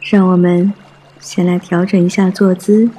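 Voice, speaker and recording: A man guiding a mindfulness meditation in a soft, hushed, breathy voice, gentle and soothing, with long pauses. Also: high-pitched, level tone, a little hiss or hum, low-quality recording. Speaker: meditation guide.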